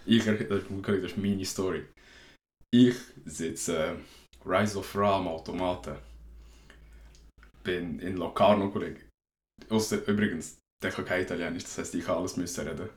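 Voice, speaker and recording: A young man with a Swiss German accent hosts a casual podcast chat. He rambles through stories in a slangy way, and his voice is very low. The recording has a noticeable echo. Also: moderate pace, long pauses. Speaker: podcast host. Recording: echoey room.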